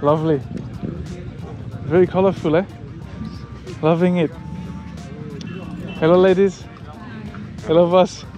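A man's voice: sits high, steady tone, slow, pauses often, dull audio, over music. A man from France with a French accent, giving casual, enthusiastic and exclamatory vlog commentary out on a motorbike trip. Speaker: motorcycle travel vlogger. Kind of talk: casual vlog commentary while riding, chatting to passers-by. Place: outdoors on a motorbike and at an event ground.

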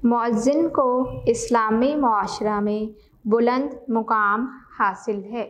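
A woman teacher giving a slow classroom lesson, repeating words for dictation and correcting herself mid-sentence. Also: a little high, poor audio.

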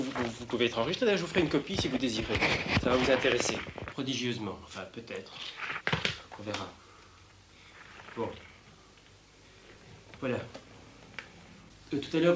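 A young man confronting his analyst in a heated argument, provocative, swinging between raised voice and hushed tones, caught on a portable tape recorder in an office. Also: medium pitch, background noise. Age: young adult. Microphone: hidden portable tape recorder.

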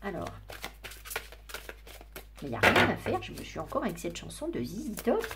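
A woman's voice: mid-range voice, huge pitch swings, normal speed, heavy background noise. A woman giving a tarot and oracle card reading, musing aloud in a chatty way with many fillers and restarts. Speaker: tarot reader. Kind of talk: casual spiritual card reading.

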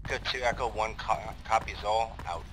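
A man calling in with by-the-book call signs and flat delivery over a helmet radio transmission. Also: lowish voice, fairly quick, noisy background. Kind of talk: military radio procedure.

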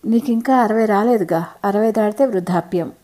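A woman reading as a gentle, lonely woman in her fifties. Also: mid-range voice, a little fast, lightly acted. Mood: wistful.

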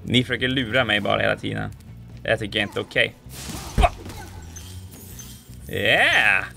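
Excitable man playing a game. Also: lowish voice, gravelly, over music. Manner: excitable, exclaiming, playful sound effects. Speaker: let's player. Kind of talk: casual gameplay commentary.

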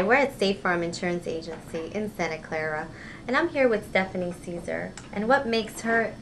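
With a lowish voice and a little background noise, a woman in her thirties hosts a community TV promo interview in an office against a red wall. She speaks eagerly into a handheld mic and slowly spells out a web address.

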